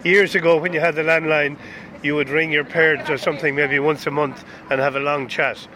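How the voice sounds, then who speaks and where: An older Irish man giving plain, steady answers in a street interview. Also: fairly high pitch, brisk. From Ireland. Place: outdoors on a street. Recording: street noise and traffic.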